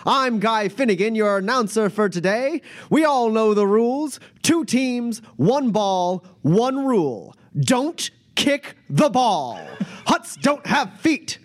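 Guy Finnegan, a man doing a booming arena announcer. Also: very animated, full character voice. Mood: hyped. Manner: loud, high, drawn-out showman calls. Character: booming showman male arena announcer, loud and gleeful. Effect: booming announcer voice carrying from outside the room.

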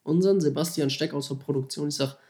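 A man casually and excitedly retelling how he caught a huge fish, slangy and animated, acting out his own thoughts and phone calls. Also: mid-range voice, a little fast. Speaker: angler telling a fishing story. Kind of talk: casual storytelling.

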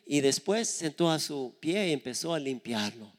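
A man's voice: on the high side, animated, normal speed, in a large hall. A man preaching a sermon, telling stories earnestly and acting out the voices of the people he quotes. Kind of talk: sermon with storytelling.

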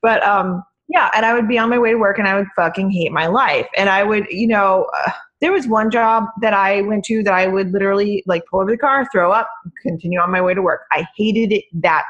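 A woman's voice: medium pitch, a little fast, a bit bright, lo-fi sound. A woman co-hosts a casual podcast. She speaks in a sassy, emphatic way. She swears freely as she talks. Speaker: podcast co-host.

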